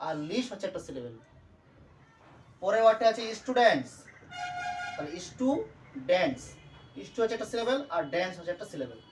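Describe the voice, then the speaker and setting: A man teaching a pronunciation lesson, speaking slowly and repeating words as he breaks them into syllables. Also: sits high, distant mic. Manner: slow, repetitive, breaks words into syllables aloud. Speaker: English teacher. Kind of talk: classroom lesson explaining pronunciation.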